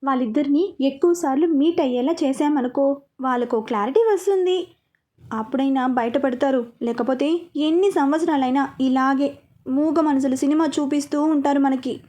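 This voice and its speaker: A woman's voice: high voice, normal speed, mellow, natural voice. A woman voicing a playful, scheming young man who is the younger brother in a story. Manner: teasing, eager.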